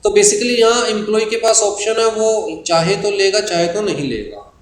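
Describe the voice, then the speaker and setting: Male teacher, Indian English accent, patient explainer, slightly high pitch, echoey room with faint hiss. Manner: explains terms patiently, slows down when reading definitions. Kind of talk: recorded exam-prep lecture.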